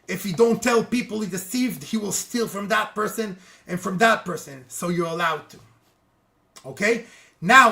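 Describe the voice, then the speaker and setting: Man, high voice, bright tone, animated religious teacher, chatty, keeps asking "okay?". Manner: animated, often checks in with "okay?" and "guys". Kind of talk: casual religious teaching to viewers.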